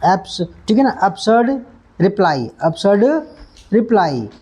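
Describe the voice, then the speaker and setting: A man whose first language is Hindi runs an online vocabulary lesson at a very measured pace. He stretches out words and repeats them, and he spells each one letter by letter for his students. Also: high-pitched, big pitch swings, a little mellow, breathy edge. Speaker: English teacher.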